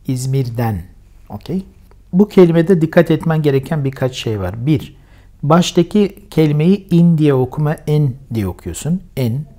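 A man with a Turkish accent teaching English vocabulary, patiently repeating each word slowly to drill its pronunciation. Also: fairly high pitch, mellow. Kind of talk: vocabulary lesson at a whiteboard.

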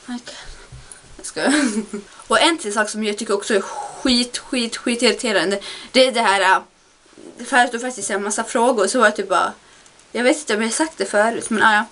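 Young woman vlogger, fairly high voice, exasperated casual rant, webcam at home. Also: pushed and bright, a little hiss or hum.

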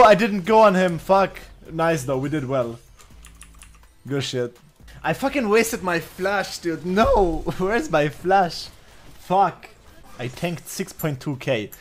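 A man in his twenties streams a game live, thinking aloud in a profane, offhand manner as a faint beat plays behind him. His high voice is animated, with a slow pace and long pauses.

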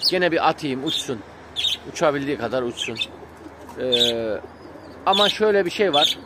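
Guy venting about his pigeons, kinda high voice, rambly and fed up, noisy outdoor clip with birds cooing. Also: expressive, normal speed. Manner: venting, frustrated, rambling with fillers. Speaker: pigeon-keeping vlogger. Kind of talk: casual vlog talk to viewers. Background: pigeons cooing and birds chirping.

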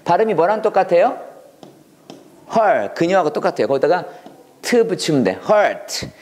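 A man teaching English vocabulary in Korean, with a Korean accent, repeating words in drawn-out sing-song drills. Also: sits high, very animated, a little mellow. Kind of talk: lively classroom-style vocabulary lecture.

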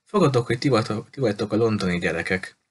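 A man's voice: lowish voice, expressive, breathy edge. A man voicing a cheerful, talkative little lady who runs a bookshop, gushing and cutting others off.

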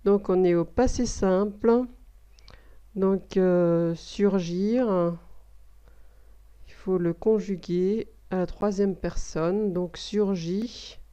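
A woman giving a slow spelling dictation lesson, repeating each word and explaining the grammar step by step. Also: medium pitch, fairly even intonation, warm tone, smooth. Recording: dull lo-fi recording.

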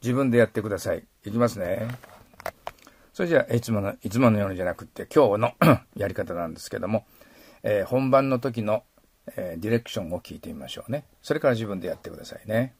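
A middle-aged man teaching English pronunciation, modeling sounds and slowly repeating phrases. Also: fairly low pitch, darkish tone, slightly rough, no echo. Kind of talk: explaining pronunciation in a lesson.

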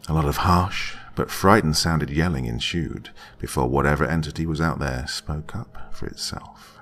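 In this scripted horror narration, a gravel-voiced man with a deep tone takes his time, reading dramatically and lowering to a whisper at the tense moments.

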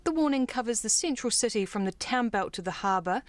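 A woman with a New Zealand accent narrating a radio news report in a clear, even tone. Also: a little high, fairly quick, no room sound.

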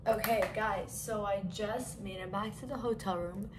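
A young adult travel vlogger, hoarse after losing her voice to illness, chats to her arm's-length phone camera in a hotel room. She's bubbly and gushing, calls her viewers "guys," and speaks at a normal speed with a medium pitch and steady tone. The background is noisy.

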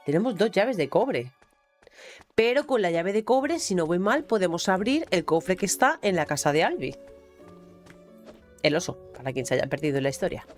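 A woman's voice: on the low side, big pitch swings, moderate pace. A woman with a Spain Spanish accent giving casual gameplay commentary, chatty and exclamatory and swearing casually. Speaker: gaming streamer. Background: faint game music.

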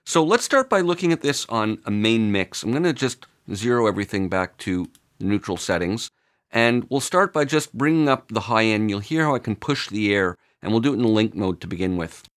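A man presenting a screen-recorded audio software tutorial, explaining each control in a steady, walkthrough manner. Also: fairly low pitch, fairly quick.

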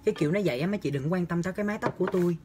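A young man talks very fast in a high voice on a livestream, answering comments with campy teasing, a chatty tone and lively, exaggerated gestures. He's in a small indoor room using a phone camera at arm's length, and the background is noisy.

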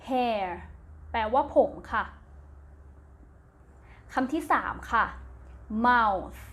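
A fairly high, lively voice at a slow pace belongs to a Thai-accented woman giving a primary English lesson. Words are spelled letter by letter, repeated twice, then explained. She is gentle and patient, finishing phrases with polite particles, in what sounds like a slow recorded classroom lesson.

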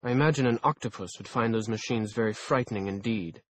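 A man's voice: on the low side, fast, natural voice. A man doing a curt, bossy woman mentor. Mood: lecturing. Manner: curt, lecturing, commanding.

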